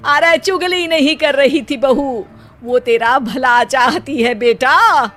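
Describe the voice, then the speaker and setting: A woman voicing a caring middle-aged mother who gently admonishes her son in a comic cartoon story. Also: high voice, slow, soft background music, voice pushed up, heavily acted. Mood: concerned. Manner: concerned, admonishing.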